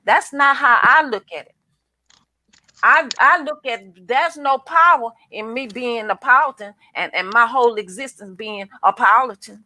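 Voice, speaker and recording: Brief: woman panelist, slightly high and bright, feels her way through each thought. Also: rough recording. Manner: thoughtful, halting, with many restarts. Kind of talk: casual discussion.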